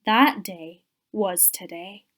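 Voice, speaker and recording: A woman, a Sunday school teacher telling a Bible story to children with expressive, whispered moments. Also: medium pitch, slow.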